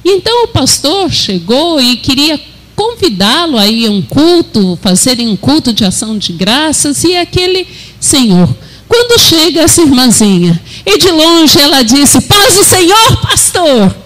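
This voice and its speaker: A high-pitched woman with a Brazilian Portuguese accent preaches in a storytelling way. She acts out each character's quoted words by shifting her pitch. She stretches out the refrain slowly. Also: big pitch swings, fairly bright tone, rough recording. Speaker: church preacher. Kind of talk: sermon storytelling.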